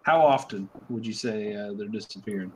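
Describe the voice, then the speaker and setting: A man playing a tabletop game, speaking casually and haltingly in character. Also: on the low side, a little mellow, a little hiss or hum, low-quality recording. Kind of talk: casual in-character role-play.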